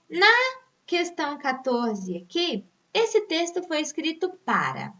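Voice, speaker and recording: A woman's voice: high-pitched, a bit bright. A woman teacher with a Brazilian accent patiently reading test questions aloud to young pupils, stretching out each answer option. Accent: Brazilian Portuguese. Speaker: primary school teacher. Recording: dull, distant lo-fi recording.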